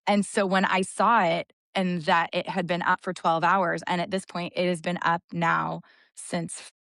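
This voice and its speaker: An impassioned woman talking on a podcast, her voice sitting low and her long sentences tumbling into each other. The sound is dry and close, with no room around it. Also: a bit bright, dry recording. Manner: impassioned, rapid run-on storytelling. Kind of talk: casual podcast conversation.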